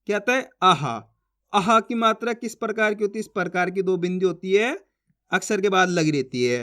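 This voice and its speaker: Guy with a high voice teaching basics, slow patient repeats, keeps asking if you got it. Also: pushed and bright. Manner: patient, repeats syllables, checks understanding. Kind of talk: Hindi reading lesson.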